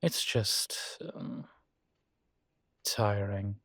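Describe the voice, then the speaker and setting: A man with a low, husky voice and fairly even intonation portrays a weary incubus who teaches college, gruff on the surface but fond underneath. Recorded dry and close for an intimate audio roleplay, he speaks slowly and candidly, halting and sighing.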